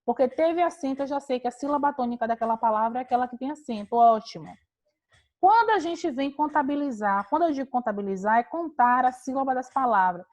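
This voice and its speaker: A woman teacher leads an online class over a video call. Her voice sits a little high, and she explains patiently, step by step, asking rhetorical questions and answering them herself. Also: animated, fairly quick, darkish tone.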